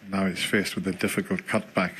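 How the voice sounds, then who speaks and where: Male snooker commentator, low and crisp-edged, hushed and measured delivery, slight venue noise behind. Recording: steady background noise.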